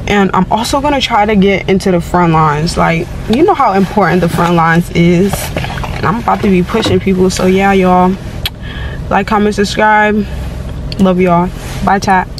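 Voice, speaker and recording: A woman's voice: mid-range voice, normal speed, noisy background. A young woman vlogging casually from her parked car, chatting in slang to her viewers. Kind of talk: casual vlog chat.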